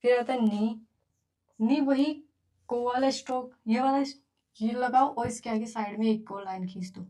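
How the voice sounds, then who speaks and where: A woman's voice: on the high side, moderate pace, mellow. A woman teaching beginners to write, patiently counting each stroke aloud as she goes. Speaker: Japanese teacher. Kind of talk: beginner writing lesson.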